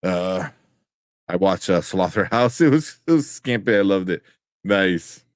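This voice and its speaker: A young man co-hosting a live pop-culture chat show, relaxed and rambling with restarts. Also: low voice, a little slow, dry recording, studio quality. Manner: laid-back, rambling with restarts and laughs. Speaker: co-host of live nerd news show. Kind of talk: casual chat.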